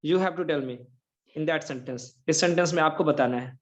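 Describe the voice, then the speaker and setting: Slightly high and unhurried, a man with an Indian accent delivers an online English grammar lecture. He combines Hindi and English and asks again and again whether students follow along.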